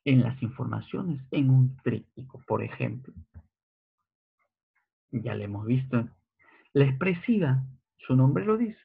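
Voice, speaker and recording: A male teacher giving a slide lecture, slowly repeating key phrases and asking rhetorical checks. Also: medium pitch, expressive, creaky, breathy edge. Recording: tinny phone-like audio.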